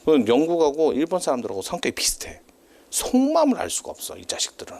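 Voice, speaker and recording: A man's voice: on the high side, wildly swooping pitch, quick pace, gravelly, darkish tone, a little hiss or hum. A man giving a casual classroom lecture, chatty and teasing, drifting into tangents and laughing often.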